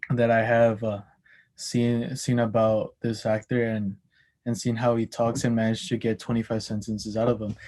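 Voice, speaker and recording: A man's voice: mid-range voice, warm tone. A young man giving a class oral presentation, hesitant, with many ums and restarts. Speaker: student presenter.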